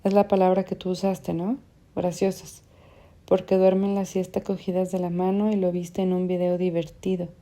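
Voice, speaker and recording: A woman's voice: on the low side, little pitch movement, normal speed, dark tone, close to an everyday voice. A woman voicing a frustrated young man who questions bluntly and insistently, in an audiobook. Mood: accusing.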